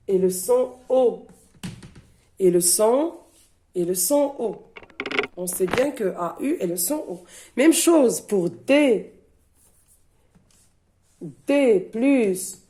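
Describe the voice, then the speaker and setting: Woman teacher, mellow and somewhat high voice, spells out sounds at a very slow pace. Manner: spells letters one by one and repeats each sound. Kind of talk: slow syllable-by-syllable reading lesson.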